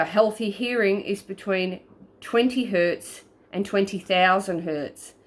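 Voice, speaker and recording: A woman, a paranormal investigator, explaining a gadget step by step in a casual video recorded on her phone, often checking in with "okay?". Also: lowish voice. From Australia. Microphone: phone, front camera.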